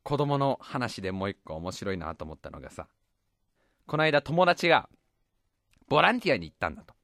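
A man hosting a show, telling a funny childhood story in a casual, slangy way and dropping to a hush for suspense. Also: medium pitch, brisk, vocal fry, dry recording. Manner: animated, comic, slangy, drops to a hush for suspense. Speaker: podcast host.

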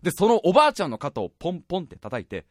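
A man hosting a show, telling a comic story in an animated, self-mocking way and often laughing as he talks. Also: high-pitched, racing, no echo.

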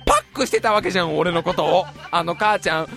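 A man hosting a show, telling a funny childhood story in a casual, slangy way and dropping to a hush for suspense. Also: high voice, quick pace, gravelly, soft background music. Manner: animated, comic, slangy, drops to a hush for suspense. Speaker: podcast host.

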